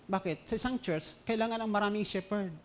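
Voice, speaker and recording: A pastor with a Filipino accent delivers a sermon in a high, light voice. He moves between loud, stressed phrases and quiet, hushed storytelling. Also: brisk. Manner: mixes English into preaching, dynamic swings between loud emphasis and quiet storytelling.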